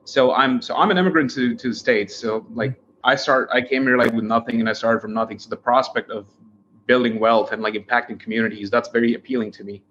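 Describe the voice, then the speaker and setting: A man's voice: mid-range voice, steady tone, fairly quick, a bit bright. A man from India, speaking earnestly as an investor guest and using lots of fillers. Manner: earnest, filler-heavy with frequent likes. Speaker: real estate investor guest. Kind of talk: casual interview answer. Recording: dull lo-fi sound with faint noise.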